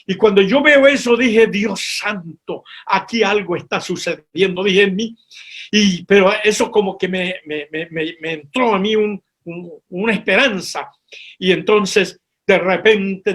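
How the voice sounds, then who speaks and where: A man's voice: high voice, fairly bright tone. A reverend telling a missionary testimony from the pulpit, speaking with strong emotion, repeating his words and calling his listeners brothers and sisters.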